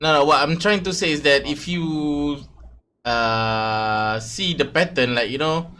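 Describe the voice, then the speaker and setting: A man's voice: on the high side, measured pace, bright, forceful tone, a little hiss or hum. A man from Malaysia hosting a casual livestream chat, talking hesitantly with many fillers and restarts. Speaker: streamer host.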